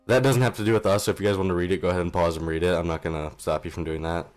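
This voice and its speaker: A man's voice: low-pitched, fairly even intonation, rapid-fire, soft background music. A young man giving casual, rambling let's play commentary at home, offhand and self-deprecating, on a modest mic. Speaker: gaming channel host.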